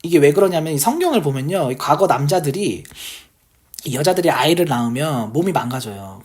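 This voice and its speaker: A woman's voice: deep voice, a little mellow, husky. A woman giving a casual Bible lesson, speaking emphatically and pressing her points with rhetorical questions. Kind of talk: casual Bible teaching on camera.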